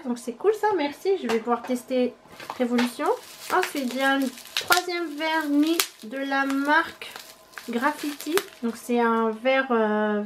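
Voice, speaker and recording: High-voiced chatty woman vlogger. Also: slight background noise. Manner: chatty, hesitant, thinking aloud. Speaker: beauty vlogger. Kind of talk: casual unboxing chat.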